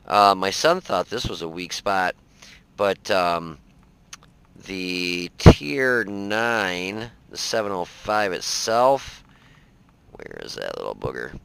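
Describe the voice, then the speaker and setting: A man's voice: sits low, very animated, slow, gravelly, a bit bright, clean tone, low-quality recording. A man casually commenting on his own tank gameplay, rambling and folksy with many fillers, sounding tired. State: tired, yawning. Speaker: game reviewer.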